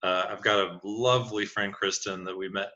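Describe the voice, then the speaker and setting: A man co-hosting a casual podcast chat, animated and jokey, often laughing. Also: fairly low pitch, normal speed. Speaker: podcast co-host, organist. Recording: dull lo-fi podcast audio.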